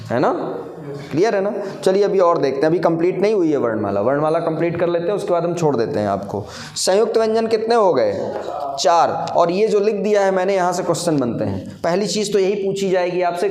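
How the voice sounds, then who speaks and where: A male teacher giving a classroom lecture, explaining step by step, asking questions and answering them himself, and sounding out syllables slowly. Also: sits high, darkish tone. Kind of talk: classroom lecture for exam students. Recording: echoey room.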